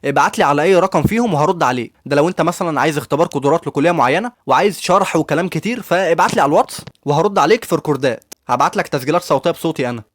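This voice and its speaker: A man's voice: a little high, no room sound, studio quality. A young man with an Egyptian accent telling his own story in a casual, chatty vlog, talking straight to his viewers. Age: young adult. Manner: rapid, chatty, addresses viewers directly. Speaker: YouTuber giving student advice.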